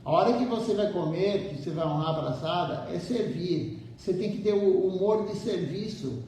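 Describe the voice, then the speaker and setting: A man with a fairly high voice delivers a devotional sermon, pressing his listeners and repeating key phrases again and again. He sounds well away from the microphone in a very echoey temple hall, with a faint low rumble underneath. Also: a little mellow, recorded from a distance. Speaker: temple speaker.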